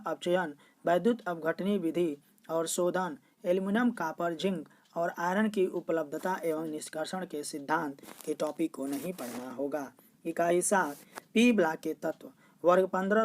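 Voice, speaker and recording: A woman with a lowish voice reads through a course syllabus item by item. Her delivery is steady and list-like, a plain recitation. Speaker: teacher. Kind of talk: reading a syllabus list aloud.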